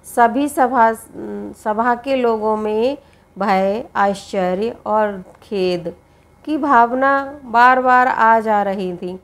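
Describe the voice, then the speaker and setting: Pitched on the high side, a woman teaching poetry reads the verses line by line. After each, she unpacks the meaning slowly and plainly, frequently going over the same points again.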